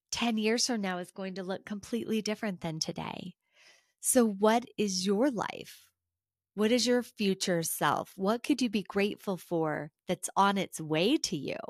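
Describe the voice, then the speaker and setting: A woman's voice: mid-range voice, no echo, studio quality. A woman hosting a solo podcast, talking earnestly and encouragingly and asking her listeners questions. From United States. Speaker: podcast host. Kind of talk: reflective solo podcast talk.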